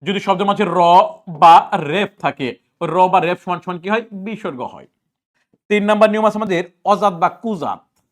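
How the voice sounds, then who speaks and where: A male teacher with a Bangladeshi Bengali accent, running an exam-prep grammar lesson and drilling students with repeated questions and answers in brisk, colloquial speech. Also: sits high.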